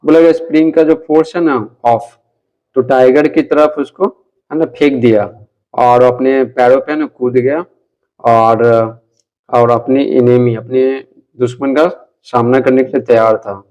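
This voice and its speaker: A man teaching an English lesson, middle-pitched and steady. He reads each English sentence slowly and deliberately, then explains it in a chatty way, dotted with "ठीक है" and "है ना". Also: muffled recording.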